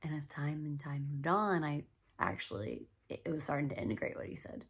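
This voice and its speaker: A woman hosting a podcast, talking earnestly about her own experience in a soft, reflective monologue that often drops to a whisper. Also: sits low, animated, fairly quick, slight background noise. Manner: earnest and self-reflective, with many fillers. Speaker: podcast host.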